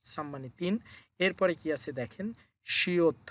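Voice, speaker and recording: A man's voice: on the high side, measured pace, a bit bright. A man with a Bangladeshi Bengali accent teaching a language lesson step by step. He asks his own questions, answers them, and repeats each sound.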